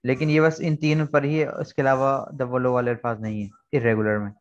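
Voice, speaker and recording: A man's voice: medium pitch, little pitch movement, a little fast, muffled recording. A man teaching an online English lesson, explaining words patiently and repeating key points. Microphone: video call.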